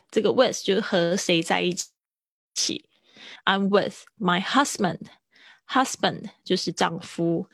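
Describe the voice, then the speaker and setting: A woman's voice: medium pitch, vocal fry, fairly bright tone, no echo, studio quality. A woman English teacher, giving a live-streamed lesson in a chatty, patient way with frequent laughter.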